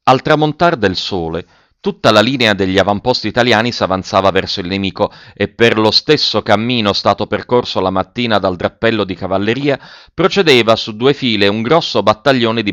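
A man narrates a classic story in a measured, even manner. His voice sits on the low side. The recording is dry and close, with no room around it. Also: dry recording. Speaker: audiobook narrator.

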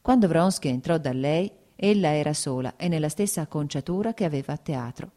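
A woman narrating a classic novel audiobook in a measured, even reading. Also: low voice.

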